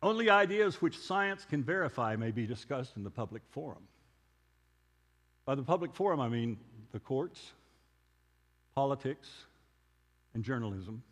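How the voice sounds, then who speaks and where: A man's voice: medium pitch, fairly bright tone, big-room sound. A man giving a conversational sermon lecture, telling stories and asking rhetorical questions. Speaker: preacher.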